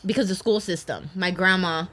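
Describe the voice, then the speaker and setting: An American woman in her thirties talking loudly and animatedly as a guest in a casual podcast chat. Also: on the low side, normal speed. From United States, Brooklyn and California. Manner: loud, animated talker.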